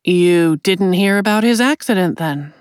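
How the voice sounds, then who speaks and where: A woman reading an audiobook and voicing a calm female undersheriff who questions a victim in a measured, quietly probing way. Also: fairly low pitch, clean tone, no room sound, clean studio sound, lightly acted.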